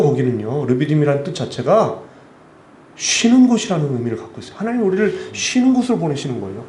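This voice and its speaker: Impassioned male missionary preaching in an echoey church. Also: fairly high pitch. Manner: impassioned, swings between loud appeals and hushed storytelling. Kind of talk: emotional sermon. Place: church sanctuary. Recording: echoey church hall with faint ambient noise.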